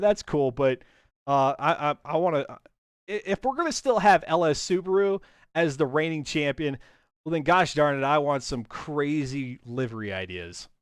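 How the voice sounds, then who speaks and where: Man, host, casual chat, slightly high, smooth voice, stumbles and laughs, dry sound. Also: no echo. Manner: jokey, stumbling restarts, laughs often. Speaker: stream host. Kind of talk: casual chat on a racing stream.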